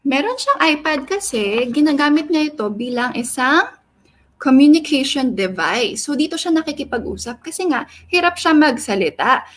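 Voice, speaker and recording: A young woman, reading a children's story aloud in an expressive sing-song way and asking the kids questions. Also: high-pitched, normal speed.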